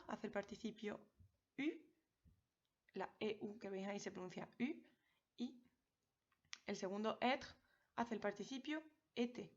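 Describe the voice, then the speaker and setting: A woman walks her students through a grammar lesson, clear and patient, often checking they follow. Her voice sits at a middle pitch. The recording sounds a little dull and lo-fi. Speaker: French teacher. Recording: slightly dull lo-fi audio.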